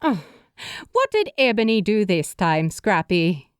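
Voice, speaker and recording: A woman voicing a motherly, playful middle-aged woman who speaks with a knowing, gently teasing manner in an audiobook. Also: mid-range voice, big pitch swings, measured pace, clean tone, dry recording, studio quality. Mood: fond.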